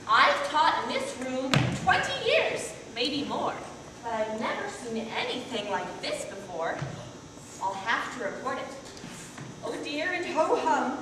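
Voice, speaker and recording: A woman's voice: high voice, noisy background. A woman playing a fussy, dramatic schoolteacher in a stage play, speaking in exclamatory, sing-song rhymes. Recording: echoey hall from far off.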